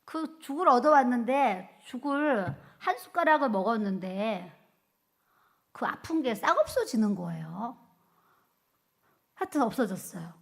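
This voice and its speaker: A woman's voice: a little high, sing-song, a little slow, gravelly, long pauses. A woman pastor giving a testimony sermon, telling her story vividly and acting out the quoted speech.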